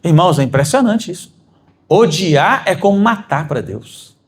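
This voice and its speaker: Animated Brazilian man preaching. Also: high voice, normal speed. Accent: Brazilian Portuguese. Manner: animated, rising to emphatic peaks; addresses congregation as brothers. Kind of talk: sermon. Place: church.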